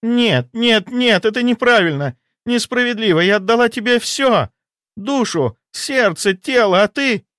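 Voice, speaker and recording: A man voicing a jealous, desperate female doctor in an audiobook, pleading and shrill. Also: animated, measured pace, a bit bright, smooth, no room sound, studio quality, heavily acted. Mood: hysterical. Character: jealous, hysterical female doctor, young adult.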